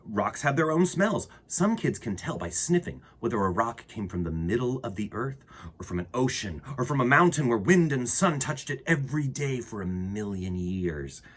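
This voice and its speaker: A man with a husky voice reading aloud to children as a storytime host, expressively, with dramatic emphasis and pauses. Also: medium pitch, sing-song. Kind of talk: animated picture-book read-aloud for children.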